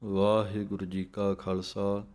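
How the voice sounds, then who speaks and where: Give me a man leading a recitation lesson, very slow and steady, in an even, flat tone. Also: on the low side. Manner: chants verses slowly, then explains pronunciation calmly. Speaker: scripture recitation teacher.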